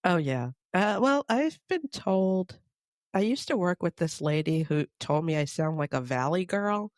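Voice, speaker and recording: A woman's voice: fairly low pitch, big pitch swings, measured pace, no room sound, studio quality. A woman in her fifties from Long Island, co-hosting a casual chat. She is self-deprecating, laughs often and says "like" a lot. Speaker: podcast co-host.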